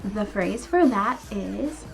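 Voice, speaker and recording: A woman teaching everyday phrases in a casual vlog, animated and acting out little scenes with frequent laughs. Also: medium pitch, slow, creaky, soft background music. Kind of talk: casual language lesson vlog. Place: living in Korea.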